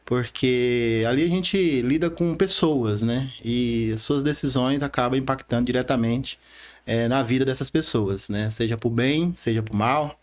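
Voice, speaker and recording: A man in his thirties with a Rondônia Brazilian accent, a bank manager chatting as a podcast guest, earnest and halting, tagging lines with "né?". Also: medium pitch. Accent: Rondônia Brazilian Portuguese. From Bahia, Brazil, raised in Rondônia. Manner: earnest, frequent "né?" tags, halting restarts. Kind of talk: casual interview talk.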